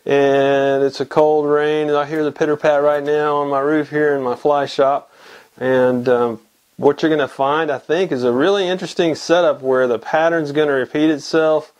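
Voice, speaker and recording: Recorded by a camera mic about a desk's length away, this fly fishing show host delivers his weekly report from the little fly shop in his home. He is from Texas, in his fifties, and has a fairly high, smooth, darkish voice, steady in tone and moderate in pace. The casual talk wanders, full of restarts and fillers.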